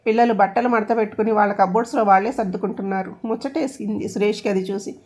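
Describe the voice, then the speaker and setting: A woman reading a family story aloud as narrator, even and measured. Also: medium pitch.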